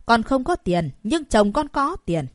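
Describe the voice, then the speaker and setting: Woman voicing a shrill, greedy, bossy mother. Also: big pitch swings, measured pace, no echo, studio quality. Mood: demanding. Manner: scolding, wailing melodramatically. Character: shrill greedy domineering middle-aged mother. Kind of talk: audiobook character voice.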